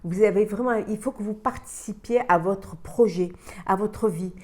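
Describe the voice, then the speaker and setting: A tarot reader with a cold gives a weekly card reading for the water signs, speaking hesitantly with lots of fillers and repeated words. Her voice is warm and mid-range, at a moderate pace.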